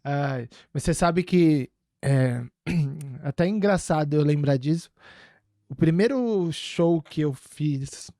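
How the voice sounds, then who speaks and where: A man's voice: fairly high pitch, dark tone, no echo, clean studio sound. A man hosting a podcast, telling stories in a rambling casual way with many fillers. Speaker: podcast host.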